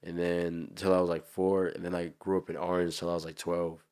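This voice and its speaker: A man's voice: low-pitched, little pitch movement, brisk, a little mellow, smooth. A man with a New Jersey accent, chatting casually and in a slangy, rambling way as a musician being interviewed.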